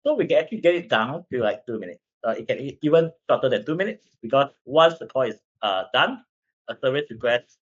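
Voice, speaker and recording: Male presenter, Cantonese accent, native Cantonese speaker, halting delivery, frequent tag questions, dull lo-fi recording. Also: mid-range voice, expressive, breathy edge. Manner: halting, often checks with "right?". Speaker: company presenter. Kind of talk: slide presentation.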